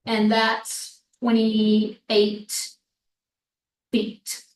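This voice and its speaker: A woman math instructor with a hoarse voice, explaining a problem slowly step by step in a recorded lecture. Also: on the high side, monotone. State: hoarse, clearing throat. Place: classroom. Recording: echoey room, mic far off.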